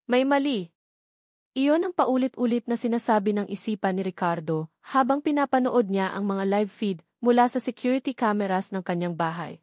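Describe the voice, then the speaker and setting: A woman with a Filipino accent narrates a scripted dramatic story in a medium-pitched, slightly mellow voice. The recording is clean studio sound with no echo.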